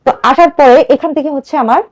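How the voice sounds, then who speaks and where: With a high, fast voice, a Bangladeshi woman in her thirties tells a radio host about her own life, earnest and urgent, acting out the quoted dialogue as she speaks. The talk is emotional personal storytelling.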